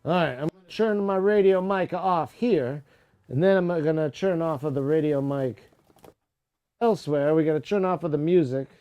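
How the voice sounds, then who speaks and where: A man's voice: on the high side, moderate pace, big-room sound, highs cut off. A man hosting a casual music livestream from his home studio, rambling and joking about himself as he sets up. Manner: rambling, self-joking and chatty. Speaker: singer-songwriter livestream host.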